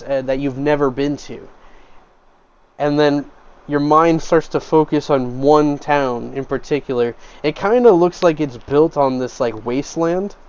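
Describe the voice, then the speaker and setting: A man's voice: on the high side, darkish tone, smooth, lo-fi sound. A man narrating a tabletop game as game master, describing scenes at length with frequent fillers.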